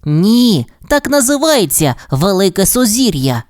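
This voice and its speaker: A woman's voice: mid-range voice, expressive, moderate pace, darkish tone, no echo, clean studio sound, voice pushed up, close to an everyday voice. A woman voicing a cheerful, proud young boy bunny in a children's audio storybook, bouncy and exclaiming.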